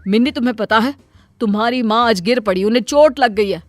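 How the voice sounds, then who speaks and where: A woman voicing a stern, fed-up middle-aged father in a cartoon story, with soft music behind. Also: on the high side, a little fast, close to an everyday voice. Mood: scolding. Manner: scolding.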